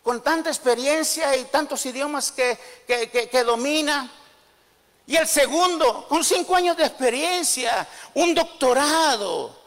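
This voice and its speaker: A man's voice: very high-pitched, expressive, a little slow, fairly bright tone, big-room sound, heavily acted. A man voicing a humble, nervous male job seeker who stammers and hesitates.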